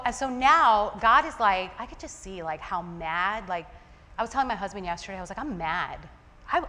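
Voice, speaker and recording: A woman preaching a sermon in a chatty, animated way, full of fillers and restarts. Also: mid-range voice, long reverb tail, a little hiss or hum.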